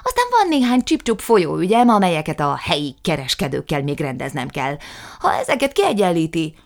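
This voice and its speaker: A woman's voice: on the low side, wildly swooping pitch, creaky, heavily acted. A woman reading an audiobook, voicing an indignant, blustering middle-aged man who rants theatrically. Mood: pompous. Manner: loud, theatrical ranting.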